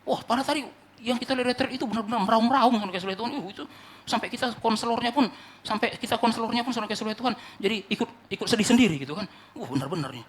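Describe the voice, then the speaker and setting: A male pastor preaching an animated sermon, often calling out to the congregation and mimicking churchgoers. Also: very high voice, very fast, husky.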